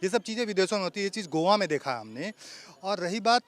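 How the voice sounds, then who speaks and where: A man gives his view in a street interview, talking it through with everyday examples. His voice is rather high-pitched and his tone is explanatory. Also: expressive, fast talker. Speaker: interviewee, salaried employee. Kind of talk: conversational opinion.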